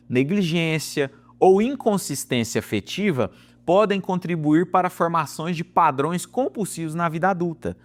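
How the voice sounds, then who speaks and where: A man with a Brazilian Portuguese accent teaches psychology in a loose, conversational way. He sprinkles in slang and leans hard on emphasis, his voice leaping high and loud, then sinking low and soft. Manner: colloquial, lively, slangy asides, emphatic swings in pitch and loudness. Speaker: psychology course instructor. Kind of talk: informal lecture.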